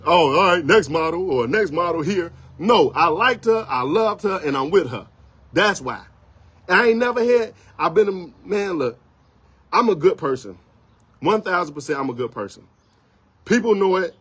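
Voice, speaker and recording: A man's voice: high voice, fairly bright tone, slightly rough. A man talking on a livestream, rambling and defensive, repeating himself and apologizing earnestly. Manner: rambling, repetitive and defensive, with many restarts. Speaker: photographer on a livestream. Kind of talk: unscripted livestream monologue.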